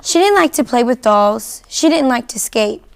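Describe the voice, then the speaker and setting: A woman's voice: on the high side, animated, moderate pace, creaky. A woman hosting a children's reading show, reading a rhyming picture book aloud to a kindergarten class.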